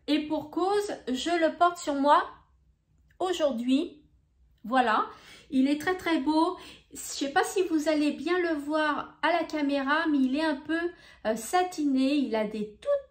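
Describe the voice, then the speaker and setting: A woman showing beauty products in a casual vlog, talking in an unhurried, hesitant way with many fillers. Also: high voice, echoey room. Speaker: beauty vlogger. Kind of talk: casual haul video.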